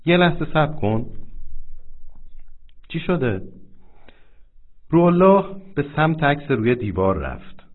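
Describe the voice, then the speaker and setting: A man narrating a story aloud in a measured, solemn way, in a tinny, phone-like recording. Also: sits low. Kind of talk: audiobook reading.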